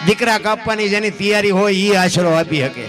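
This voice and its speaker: A man telling devotional folk stories, dropping to low murmurs and rising into high declaiming bursts. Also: a little fast, music in the background. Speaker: folk storyteller.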